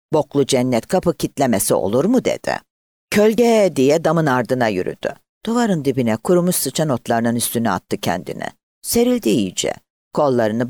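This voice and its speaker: Animated male storyteller, dry close sound. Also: mid-range voice, no room sound. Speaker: narrator. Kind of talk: audiobook story narration.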